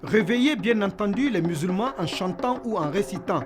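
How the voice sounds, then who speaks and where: A man's voice: high voice, lively intonation, moderate pace. A man reading a formal, scripted documentary narration as a reporter. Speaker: reporter narrating a cultural feature. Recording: music behind the voice.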